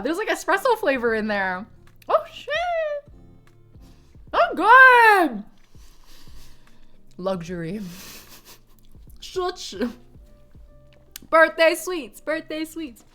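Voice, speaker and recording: Late-twenties woman streamer, rambling giggly chatter, bright edge, soft music underneath. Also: sits high, huge pitch swings, slow pace, long pauses. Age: 20s. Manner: rambling, giggly, swears casually. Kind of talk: casual chat with live chat.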